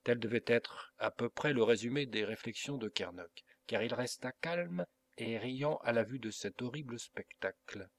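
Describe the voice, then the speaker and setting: A man narrating a classic adventure novel as an audiobook reader, in an expressive, dramatic storytelling manner. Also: medium pitch, normal speed.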